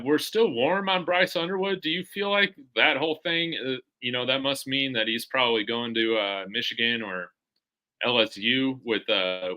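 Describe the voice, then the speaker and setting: A man hosts a casual sports talk show and eagerly draws out his guest with questions. His voice is very bright and forceful. It sits at a middle pitch. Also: rough recording. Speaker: show host.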